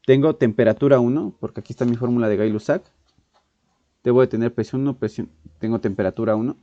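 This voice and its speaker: A man with a Mexican accent teaching a physics exam-prep lesson, thinking aloud with halting restarts, frequent "ok?" and clearing his throat. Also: medium pitch, warm tone, dry recording. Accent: Mexican Spanish. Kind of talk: exam-prep lesson working through problems. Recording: muffled, dull sound in a dry room.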